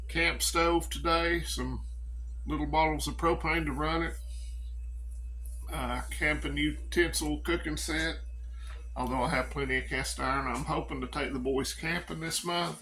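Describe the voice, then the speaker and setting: A man's voice: on the high side, creaky, pushed and bright, slight background noise. A middle-aged man with an East Tennessee accent, talking to camera in a folksy, rambling, blunt way as a preparedness vlogger. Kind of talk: casual chat to camera.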